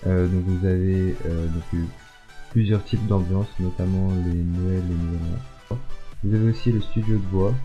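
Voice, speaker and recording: Man, lowish pitch, dark soft tone, hesitant tutorial presenter, faint music behind. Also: dull audio. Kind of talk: step-by-step software tutorial. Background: background music.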